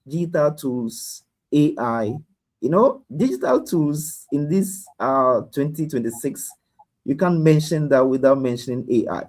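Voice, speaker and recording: A man's voice: mid-range voice, a little mellow, low-quality recording. A man as an interview guest, explaining earnestly and repeating his key points, heard over a video call. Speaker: guest expert. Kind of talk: explaining to a host.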